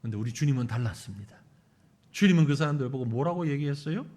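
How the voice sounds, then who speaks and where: A man's voice: medium pitch, lively intonation, quick pace, dark tone. A man preaching a sermon as pastor at a prayer meeting, emphatic and questioning his congregation.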